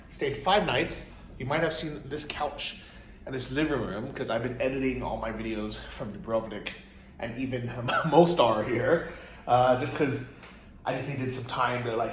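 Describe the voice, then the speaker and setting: A man hosting a casual travel vlog, chatty and asking questions as he walks city streets. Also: mid-range voice. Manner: chatty, laughs often, asks questions. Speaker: travel vlogger host. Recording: noisy street recording.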